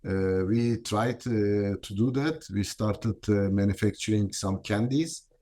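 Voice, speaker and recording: A middle-aged man from Turkey, an immigrant entrepreneur, speaking haltingly in a documentary interview with many pauses. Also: lowish voice, warm tone. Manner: hesitant, many pauses and fillers.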